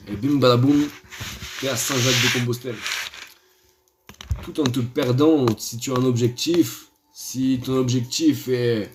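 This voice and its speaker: A man's voice: mid-range voice, darkish tone, a little hiss or hum. A man chatting casually on a live stream in a playful, rambling manner, teasing his viewers.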